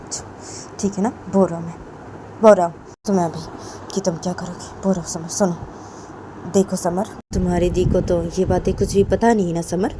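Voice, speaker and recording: A woman's voice: fairly low pitch, steady tone, a little fast, long pauses, background noise, lightly acted. A woman voicing a male teacher who firmly tells his student what to do, repeating herself. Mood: explaining. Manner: firm, repeats commands. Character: bossy male teacher, scolding then coaxing.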